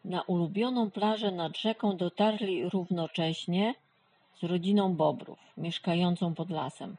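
A woman narrating a children's storybook in a calm, even manner. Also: fairly low pitch, unhurried.

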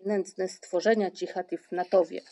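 A woman voicing a fussy, fearful male creature in a storybook, with a high, whining, plaintive voice. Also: very animated, normal speed, darkish tone. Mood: grumbling.

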